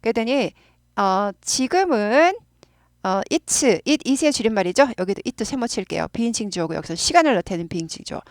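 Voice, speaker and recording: A woman's voice: fairly high pitch, expressive, normal speed, no echo, clean studio sound. A woman with a Korean accent, an English teacher patiently explaining grammar and drilling pronunciation by repeating phrases.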